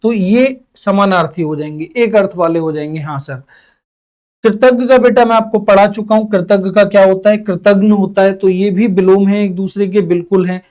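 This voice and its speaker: A man's voice: high-pitched, fairly even intonation, moderate pace, a little mellow. A young man teaching an exam-prep Hindi lesson, asking questions and answering them himself in his students' voices, stretching out key words.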